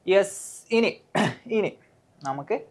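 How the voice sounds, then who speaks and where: A woman's voice: mid-range voice, expressive, takes it slowly, a little mellow. A woman teacher with a Malayali accent, coaching students for an exam, explaining step by step with frequent "okay" and questions to the class. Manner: mixes English terms into Malayalam.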